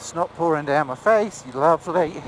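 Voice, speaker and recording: A fairly high-voiced man talks from inside a motorcycle helmet, caught on a helmet mic. He keeps up a whooping, laughing commentary while he rides a dirt trail outdoors. Faint engine and wind noise runs under his voice. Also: normal speed, low-quality recording. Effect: talking inside a motorcycle helmet. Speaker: dirt bike rider filming his ride. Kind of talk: casual commentary while riding.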